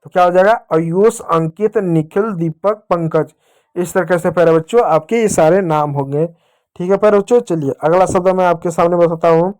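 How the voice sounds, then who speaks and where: Male teacher, patient, spells words out for kids, clear, slightly high voice. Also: darkish tone. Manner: patient, repeats words slowly and calls the kids dear children. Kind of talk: children's reading lesson.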